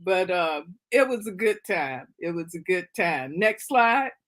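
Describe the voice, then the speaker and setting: A woman in her fifties, a family caregiver, presenting a workshop in a relaxed, conversational way. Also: lowish voice, unhurried. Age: 50s. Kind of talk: presentation talk.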